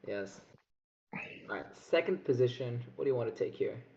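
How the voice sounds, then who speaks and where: A man chatting casually as a player during a board game match, excitable and swearing as he tells stories. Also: mid-range voice, moderate pace, breathy edge, highs cut off. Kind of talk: casual gaming chat.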